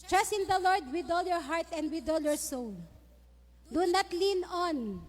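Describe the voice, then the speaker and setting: High-voiced woman pastor preaching in a hall. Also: expressive, measured pace. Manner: humorous storytelling mixed with Taglish preaching. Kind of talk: sermon. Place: church hall. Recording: long reverb of a church hall.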